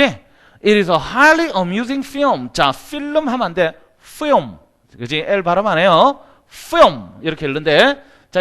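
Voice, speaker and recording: Male teacher, casual lecture delivery, high and very animated voice, frequent tag questions. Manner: lively, keeps asking for agreement with short tag questions; reads English examples slowly and deliberately. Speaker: English grammar teacher.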